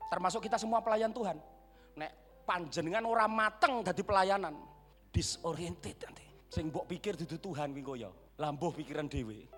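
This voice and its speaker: A man with a Javanese accent preaching a sermon in church, turning straight to the congregation and swinging between dramatic shouts and hushed whispers. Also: on the high side. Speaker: pastor.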